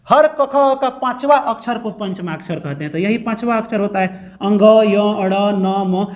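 A male teacher, giving a step-by-step grammar lesson to students and answering his own questions as he goes. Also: sits high. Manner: explains step by step, asks questions and answers them.

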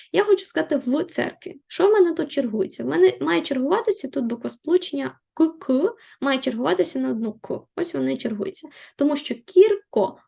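Patient high-voiced woman teacher, gravelly edge. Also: mellow. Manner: patient, repeats and rephrases rules; slows to spell out example words. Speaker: language teacher. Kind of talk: explaining Finnish grammar.

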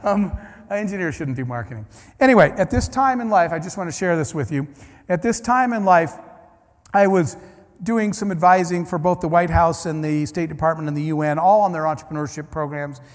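A man's voice: fairly high pitch, brisk. A man giving a conference keynote, telling stories in a conversational, anecdotal way with restarts and asides. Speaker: keynote speaker. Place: large conference hall. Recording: long hall reverb.

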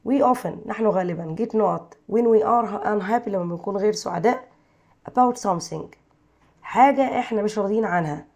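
A woman's voice: medium pitch, normal speed, darkish tone. A woman teacher with an Egyptian Arabic accent, working through textbook exercises, reading English sentences and translating them while quizzing her pupils.

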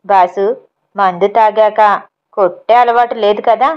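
A woman does a lightly acted voice of a fearful, bumbling village man who timidly pleads and asks naive questions. Her medium-pitched voice is steady, unhurried, and clean, though the recording is slightly dull.

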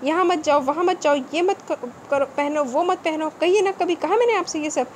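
A woman's voice: sits high, normal speed, a little hiss or hum, pitched above the performer's own voice, close to an everyday voice. A woman voicing a spoiled, rude young woman who answers her father back with petulant defiance. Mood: defiant.

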